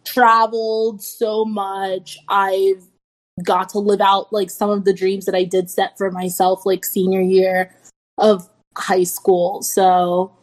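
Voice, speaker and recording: Woman, twenties, casual chat, candid, upbeat, mid pitch. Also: little pitch movement, slow pace. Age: 20s.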